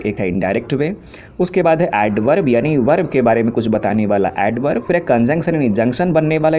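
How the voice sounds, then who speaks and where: Hindi-speaking English teacher listing grammar terms. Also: male voice, mid-range voice, mellow. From India. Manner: lists terms steadily, explains in simple asides. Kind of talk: classroom lecture. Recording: dull lo-fi recording with faint hiss.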